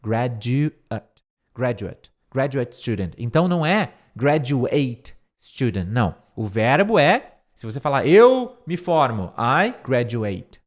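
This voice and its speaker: Guy teaching english, slow careful english bits, repeats words a lot, quick explaining in between. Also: mid-range voice, sing-song. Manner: repeats words many times to drill pronunciation. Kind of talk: English lesson explaining a speech line by line.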